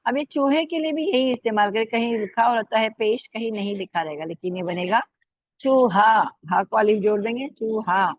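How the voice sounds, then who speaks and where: A woman's voice: a little high, moderate pace, no room sound, dull audio. A woman teaching an online Urdu lesson, patiently spelling out letters and syllables and checking in often with her students. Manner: patient, repeats "ठीक है" and "है ना" often.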